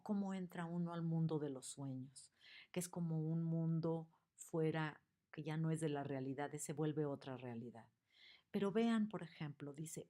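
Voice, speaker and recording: A woman teaching a lesson on picture books, expressive and asking her listeners questions. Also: low-pitched. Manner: expressive, acts out the examples, asks the audience questions.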